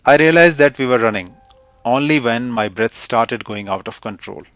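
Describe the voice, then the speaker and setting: A man from India, narrating an audio story in a measured, reflective way. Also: mid-range voice, a bit bright, no room sound, soft background music. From India, Kumaon Himalayas.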